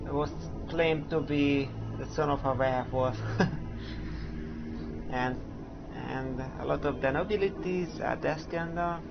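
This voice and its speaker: A man with a Hungarian accent hosts a let's play, casually commenting on the game as he thinks aloud, hesitating and chuckling along the way. His voice is fairly high and creaky, picked up by a dull lo-fi mic with background noise.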